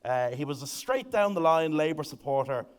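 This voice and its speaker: A man's voice: fairly high pitch, very animated, normal speed, slight background noise. A man hosting a live stage interview, joking wryly and chuckling at his own remarks. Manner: jokey, wry, chuckles at his own lines. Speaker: podcast host, interviewer.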